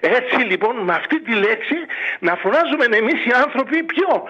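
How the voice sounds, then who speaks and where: A man's voice: very high voice, very animated, sharp tone. A man, a monk, speaking in a radio interview in a fatherly, exhorting way, full of rhetorical questions, heard over dull lo-fi radio audio. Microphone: radio studio or phone line.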